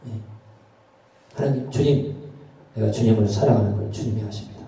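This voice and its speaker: A man's voice: on the low side, fairly quick, mellow. A middle-aged male pastor preaching a sermon in a conversational way, often dropping in short affirmations to the congregation. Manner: conversational preaching with frequent "예" interjections. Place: church sanctuary. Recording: distant mic in a very echoey church.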